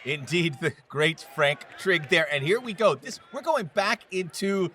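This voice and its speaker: A man's voice: a little high, unhurried, pushed and bright, a little hiss or hum. A man hosting a sports show, commentating on fights with punchy promotional phrasing over music. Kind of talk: MMA broadcast commentary. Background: music bed.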